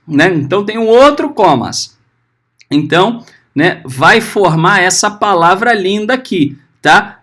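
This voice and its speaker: A man teaching a Hebrew class. He is patient, checks often that his students are following, and sounds out letters and syllables slowly. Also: high-pitched, a bit bright. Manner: patient, often checking understanding with short tags. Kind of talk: recorded class lesson.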